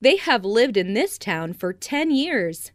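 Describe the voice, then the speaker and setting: A woman reading simple English phrases slowly and carefully for learners, saying each one twice. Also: on the high side, very animated, dry recording, clean studio sound. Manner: careful, clearly enunciated, each sentence said twice.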